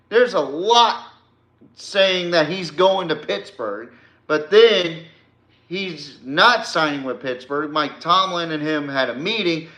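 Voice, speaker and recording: A man hosting a sports podcast rants bluntly and opinionatedly in a slightly high, bright, forceful voice. He uses slang and swearing and addresses listeners directly with emphasis. The room sounds echoey and reverberant.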